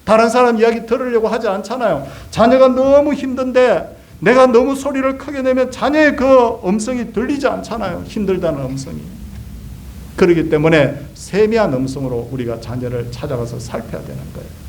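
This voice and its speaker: A male pastor delivering a Sunday sermon in a voice pitched a little high. He preaches with animation, posing rhetorical questions and acting out the speech he quotes. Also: brisk, a little hiss or hum.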